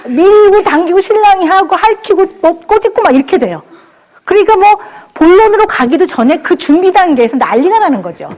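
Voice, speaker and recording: A woman in her forties giving a televised lecture to parents, animated and laughing as she acts out how parents talk. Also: high-pitched. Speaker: child psychiatrist lecturer.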